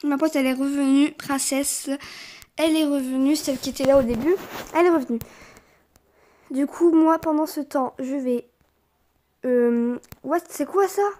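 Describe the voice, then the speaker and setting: High-voiced excitable young woman gamer. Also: moderate pace, long pauses. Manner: animated, squealing and laughing often. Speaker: gaming YouTuber. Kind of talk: excited let's-play commentary.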